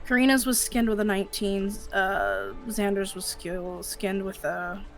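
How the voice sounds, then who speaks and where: A woman game master explains rolls and rulings matter-of-factly. Her voice is mid-pitched and even. Faint music plays under her. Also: a little slow.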